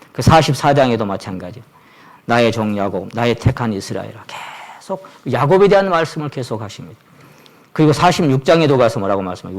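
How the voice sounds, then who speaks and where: Korean pastor preaching with emphatic rises. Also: male voice. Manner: reads scripture aloud, asks the congregation questions; emphatic, pitch rises sharply on stressed phrases. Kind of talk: sermon.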